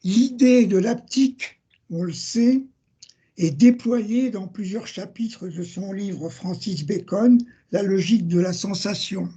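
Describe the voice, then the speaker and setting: An older man delivers an academic seminar lecture, reading at a slow, deliberate pace from his notes. His voice is mellow and a little husky. He cites sources and page numbers as he goes, and the recording sounds dull and lo-fi. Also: high voice. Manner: measured reading, citing sources and page numbers, correcting himself.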